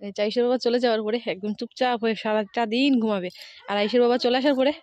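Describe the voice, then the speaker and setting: Fast-talking chatty woman vlogger. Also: fairly high pitch, steady tone, a little mellow, no echo, dull audio. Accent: Sylheti-influenced Bengali. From Assam, India. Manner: chatty, addresses viewers as friends. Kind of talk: casual home vlog narration. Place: village home kitchen and yard.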